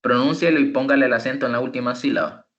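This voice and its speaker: A man's voice: medium pitch, steady tone, fast talker, fairly bright tone, lo-fi sound. A man tutoring English over an online call, explaining spelling rules patiently, step by step. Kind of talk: online teaching.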